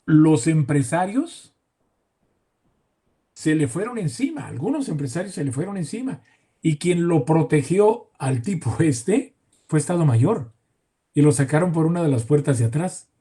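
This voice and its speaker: A man hosting a casual interview, sharing an anecdote in an unhurried way. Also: a little high, expressive, dark tone, breathy edge. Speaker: host.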